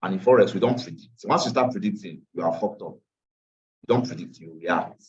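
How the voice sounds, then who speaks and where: A deep, darkish male voice at normal speed guides a live online trading class through charts. Tired from a long day, he repeats phrases and mixes in Pidgin asides, while the call audio comes across as distant, dull and lo-fi.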